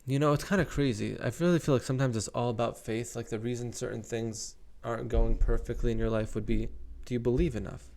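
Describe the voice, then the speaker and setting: A man's voice: mid-range voice, fairly even intonation, fast, gravelly, few pauses, a little mellow. A young man reading Bible verses aloud and breaking off to comment casually on them. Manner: reads scripture aloud, stops to comment casually.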